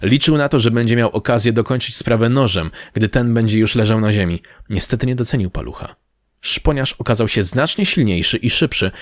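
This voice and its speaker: A man narrating an action audiobook in a steady, even storytelling manner. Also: mid-range voice, a little fast, no room sound, studio quality.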